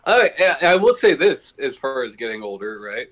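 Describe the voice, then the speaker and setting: A man's voice: medium pitch, sing-song, normal speed, fairly bright tone. A man in his late thirties, a podcast host, chatting casually in a laid-back, rambling way. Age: late 30s. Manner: laid-back, rambling with frequent "you know". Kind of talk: casual chat.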